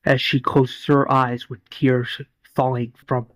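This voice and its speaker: A man's voice: mid-range voice, flat delivery, slow, fairly bright tone, no echo. A man casually retelling a fan series episode scene by scene, rambling with restarts and acting out quoted lines. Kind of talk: casual spoken retelling of a story.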